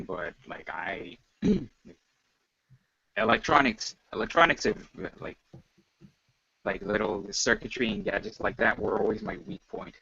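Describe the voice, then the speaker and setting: A man's voice: fairly low pitch, gravelly, pushed and bright, slightly rough, muffled recording. A man co-hosting a casual podcast, talking in a laid-back, self-deprecating way with lots of fillers. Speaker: podcast co-host.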